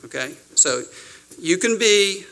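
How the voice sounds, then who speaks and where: A man's voice: high-pitched, expressive, takes it slowly, bright, forceful tone, rough recording. A middle-aged male attorney giving a conversational advice talk to young lawyers, emphatic with wry asides.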